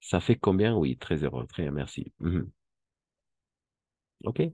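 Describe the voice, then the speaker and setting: A man's voice: a bass voice, lively intonation, a little slow, warm tone, husky, no echo. A man teaching a French class, patiently repeating words and correcting pronunciation, switching into Spanish to explain. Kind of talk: language class instruction.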